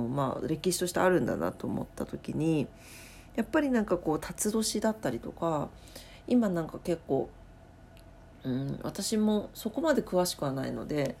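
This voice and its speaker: A woman hosting her own late-night talk show from home, rambling and thinking aloud with many pauses. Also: sits low, mellow, slight background noise. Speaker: podcast host. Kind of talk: casual late-night solo chat.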